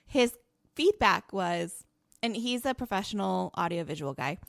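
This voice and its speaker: A woman's voice: mid-range voice, animated, a little slow, creaky, dry recording, studio quality. A woman hosting a podcast in a casual, self-deprecating chatty style. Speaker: podcast host. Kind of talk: casual chat.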